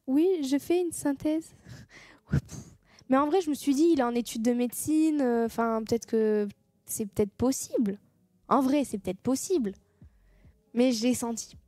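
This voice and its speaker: A woman's voice: high-pitched, warm tone, dry recording. A young woman streamer chatting casually with her viewers, swearing freely and thanking them as she goes. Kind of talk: casual live-stream chat.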